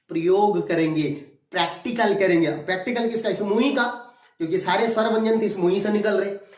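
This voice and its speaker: A man's voice: high-pitched, roomy sound. A male Hindi grammar teacher lecturing at a board in a classroom, repeating key terms and often telling students to listen carefully.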